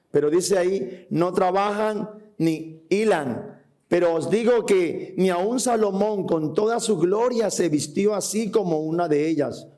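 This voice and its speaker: A man's voice: high voice, dark tone. A man preaching a sermon to a church congregation. He reads scripture aloud and puts questions to the listeners. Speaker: pastor. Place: church hall before a congregation.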